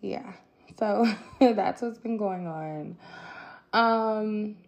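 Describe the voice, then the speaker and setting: A woman hosting her own podcast, talking casually and reflectively with many fillers and pauses, candid and personal. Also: medium pitch, gravelly. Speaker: podcast host. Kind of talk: casual solo podcast talk.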